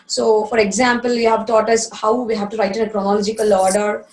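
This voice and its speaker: A woman's voice: medium pitch, level tone, fast. Polite young Indian woman lawyer. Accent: Indian English. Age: young adult. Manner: polite, thankful, formal. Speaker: young advocate. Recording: roomy video call audio.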